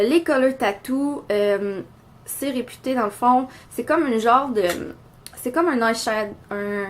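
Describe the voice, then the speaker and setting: A young woman with a Quebec French accent, chatting casually through a beauty haul and showing products, with lots of fillers. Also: a little high. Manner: chatty, filler-heavy, shows products to camera. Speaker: beauty vlogger.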